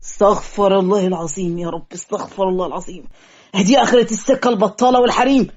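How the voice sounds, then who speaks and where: Brief: a woman as a scornful old cartoon father, quick and grumbling. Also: medium pitch, a little mellow, natural voice. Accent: Egyptian. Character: grumpy older father of the groom, scornful. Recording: lo-fi muffled audio.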